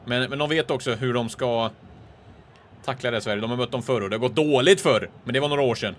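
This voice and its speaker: A man from Sweden talks through a football video game in a relaxed let's-play manner. His voice sits at a middle pitch for a man. Calm running commentary breaks into sudden excited shouts during close chances. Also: slight background noise. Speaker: gaming channel host.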